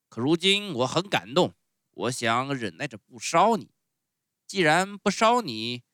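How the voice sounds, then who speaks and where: A man voicing a gruff, bearded puppet-show master who blusters loudly but has a soft heart and keeps sneezing. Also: no room sound, clean studio sound. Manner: loud booming scolding with stuttering sneezes.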